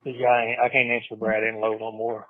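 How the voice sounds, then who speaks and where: A man's voice: fairly low pitch, completely flat delivery, a little fast. A man talking to family over a jail phone call, laid-back and swearing often in casual slang. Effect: inmate on a jail phone call. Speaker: inmate calling family. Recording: tinny dry jail phone line.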